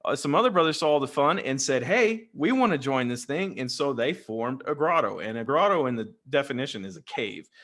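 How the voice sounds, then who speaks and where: A man's voice: medium pitch, lively intonation, brisk, hardly any pauses, a bit bright. Chatty man telling stories. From West Texas. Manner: chatty, rambling, jokey. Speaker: guest, Freemason. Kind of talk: casual storytelling interview. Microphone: desk microphone on a video call.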